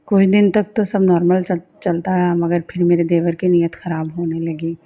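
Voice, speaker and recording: A woman narrating a first-person dramatic story in a slow, steady reading. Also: on the low side. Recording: dull lo-fi recording.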